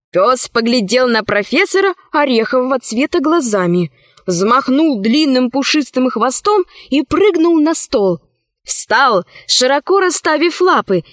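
A woman reads a children's audiobook with a high, animated, sing-song voice. She takes her time over each phrase, recorded close and completely dry. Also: no room sound. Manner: expressive, sing-song storytelling. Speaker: storyteller.

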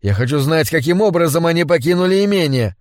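A man's voice: a little high, expressive, fast talker, no room sound, clean studio sound, lightly acted. A man voicing a stubborn young man who keeps pressing blunt questions, in an audiobook. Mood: insistent. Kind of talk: audiobook character voice.

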